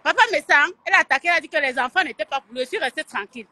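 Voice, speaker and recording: A woman's voice: high-pitched, racing, bright, forceful tone. A woman from Cameroon with a Cameroonian French accent, ranting in a heated live stream, taunting and confrontational and slipping into Italian, speaking close to a phone. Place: at home in Italy.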